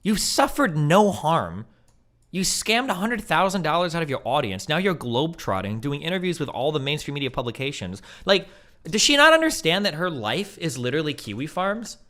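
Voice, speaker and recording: Lively bright-voiced man ranting. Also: a little high, moderate pace. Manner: ranting, exasperated, swears a lot. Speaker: live streamer reacting to a video. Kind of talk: heated reaction commentary.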